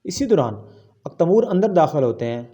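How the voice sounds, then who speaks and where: A man's voice: fairly high pitch, very animated, dark tone. A man narrating a scripted recap of a drama episode, reading the story straight through.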